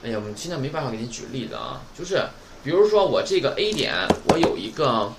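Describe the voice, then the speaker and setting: A man's voice: medium pitch, sing-song, quick pace, background noise. A man, teaching an online class. He is chatty and keeps asking the class "right?". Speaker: Japanese teacher.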